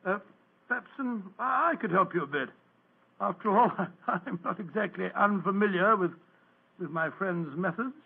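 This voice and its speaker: Fussy, high-voiced old Doctor Watson. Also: male voice, lively intonation, normal speed, gravelly, husky, exaggerated voice. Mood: pompous, huffy. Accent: English. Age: older. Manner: stammering, blustery, huffy, pompous. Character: fussy, bumbling, good-natured old English doctor recounting memories. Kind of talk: 1940s radio drama acting. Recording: muffled old radio broadcast.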